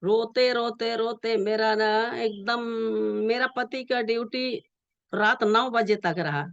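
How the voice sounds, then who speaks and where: Older woman, non-native Hindi speaker, church testimony, halting and repetitive, very slow, dull lo-fi sound. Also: fairly high pitch, fairly bright tone, no echo. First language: not Hindi. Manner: halting, repetitive, earnest storytelling. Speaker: church member giving testimony.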